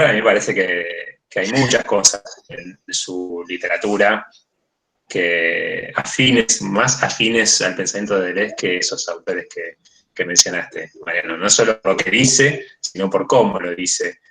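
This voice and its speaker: A low-voiced man talks through ideas as a panelist on a video call. His tone is bright and forward despite the depth, and he works his way through points with pauses and restarts. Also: low-quality recording. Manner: thoughtful, hesitant, many fillers and restarts. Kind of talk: academic discussion.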